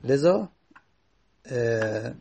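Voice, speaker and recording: A man's voice: mid-range voice, expressive, creaky, dark tone. A man giving a patient grammar lesson, repeating phrases and quoting Arabic verse as he explains them. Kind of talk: classroom lecture explaining grammar.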